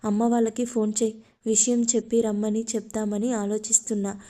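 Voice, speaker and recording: A woman voicing a teasing, protective young brother, reading his lines in a flat, even way. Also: a little high, brisk, lightly acted.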